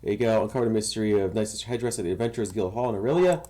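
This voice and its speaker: A man casually narrating a game walkthrough, explaining each step to viewers in a relaxed, instructive way. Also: on the low side, rapid-fire, a little hiss or hum. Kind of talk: casual gameplay tutorial narration.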